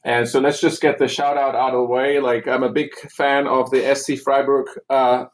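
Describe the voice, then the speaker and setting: A man from Germany, a doctor talking about himself as a podcast guest, relaxed and full of "uh"s. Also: medium pitch, normal speed, slight background noise. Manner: relaxed, hesitant with many "uh"s. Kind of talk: casual interview chat.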